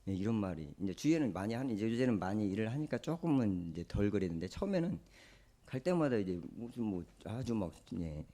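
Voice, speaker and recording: A man's voice: lowish voice, very animated, fast talker, dark tone. A male pastor with a Jeolla Korean accent, preaching a sermon in a conversational, storytelling way. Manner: conversational, storytelling, acts out quoted speech.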